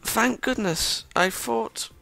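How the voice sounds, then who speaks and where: A man voicing a shy, polite young Japanese woman as he reads game dialogue aloud, halting and apologetic. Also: high voice, gravelly, bright, forceful tone, soft background music, pitched above the performer's own voice, heavily acted. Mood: polite, nervous.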